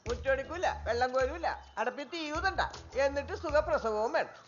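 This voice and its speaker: An actress playing a seasoned older village mother who lectures on childbirth in a lively, scolding way. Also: sits high, moderate pace, close to an everyday voice. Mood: lecturing. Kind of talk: film acting. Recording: dull film soundtrack with music.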